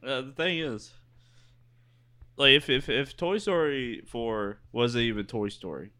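A young man co-hosting a podcast in casual chat, rambling with halting restarts and casual swearing. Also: medium pitch, pushed and bright. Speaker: podcast co-host.

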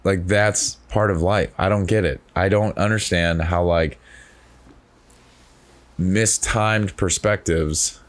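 A man's voice: low-pitched, steady tone, takes it slowly. A man hosting a podcast, talking in a rambling, reflective way with many restarts. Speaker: podcast host. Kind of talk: casual chat.

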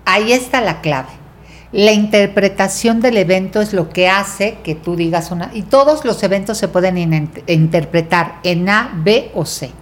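Animated middle-aged Mexican woman teaching. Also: medium pitch, normal speed. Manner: animated, teacherly, acts out quotes. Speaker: guest teacher. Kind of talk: casual podcast talk.

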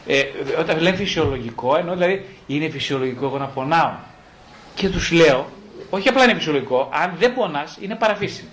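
Animated, fairly high-voiced male therapist. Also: a little hiss or hum, poor audio. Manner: animated storyteller who acts out patients' lines; wry and mocking. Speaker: psychologist and psychotherapist. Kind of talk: conversational explanation in an interview.

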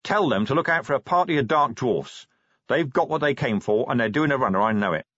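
A man's voice: mid-range voice, animated, a little fast, a bit bright, no room sound, voice pushed up. A man doing a curt, sardonic watch commander. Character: gruff weary male city watch commander. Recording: dry, slightly dull audiobook sound.

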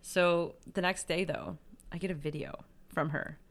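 Low-voiced woman telling a wild story. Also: a little slow, gravelly. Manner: animated, profane, acts out voices in her stories. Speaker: podcast co-host. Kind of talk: casual chat, personal storytelling.

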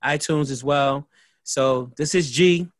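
Animated storytelling man, dry close mic. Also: a little high, slow pace, no echo. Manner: animated storyteller, acts out quoted voices, many "you know" fillers. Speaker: podcast co-host. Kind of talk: storytelling chat.

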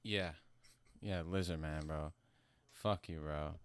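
Man, low-pitched, dry close sound, high stoner manner, rambling, casual, sweary. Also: steady tone, takes it slowly, smooth, dry recording. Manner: stoner-like, rambling, slangy and profane. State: high from smoking. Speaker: musician being interviewed about own album. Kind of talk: casual chat.

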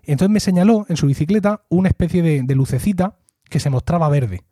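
Middle-aged guy rattling off a story on a podcast, dark mellow voice, super quick, dry close sound. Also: on the high side, lively intonation, no room sound. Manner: chatty storyteller, acts out quoted dialogue. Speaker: podcast host. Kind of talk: casual chat.

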